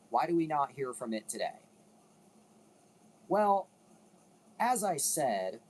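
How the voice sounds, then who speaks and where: A man's voice: fairly high pitch, a little mellow, slightly rough, low-quality recording. Rambling man hosting casual commentary. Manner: rambling, self-interrupting, swears casually. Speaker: video host.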